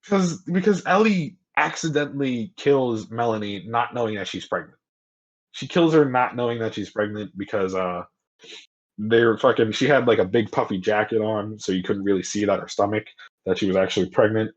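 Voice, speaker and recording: Young male podcast co-host, casual and profane, rambling delivery with quick mock voices; dull lo-fi sound. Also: on the low side. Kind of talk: casual chat. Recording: slightly dull lo-fi audio.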